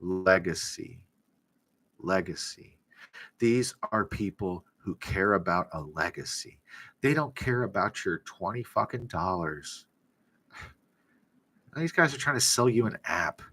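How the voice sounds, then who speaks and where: A man hosting a casual livestream monologue, talking bluntly and profanely with animated sarcasm. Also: fairly low pitch, unhurried, husky. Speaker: livestream host and author.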